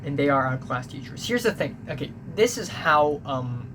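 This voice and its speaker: A young Hong Kong vlogger, a native Cantonese speaker with a Hong Kong English accent, tells a casual, rambling story, correcting himself often and sprinkling in swear words. His voice sits on the high side and is expressive, at a moderate pace. Background noise is noticeable in the recording.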